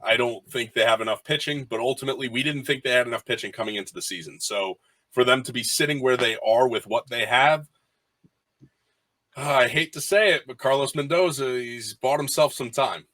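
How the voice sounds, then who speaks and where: Bright-voiced man in casual sports chat. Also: mid-range voice, fairly quick, no echo, rough recording. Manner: rambling with frequent fillers and restarts. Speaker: podcast co-host.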